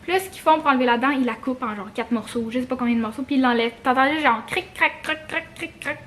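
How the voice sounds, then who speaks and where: A young woman with a Quebec French accent telling a personal story casually to camera, expressive and slangy, with swearing and English words mixed in. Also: high-pitched, racing, slight background noise. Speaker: vlogger.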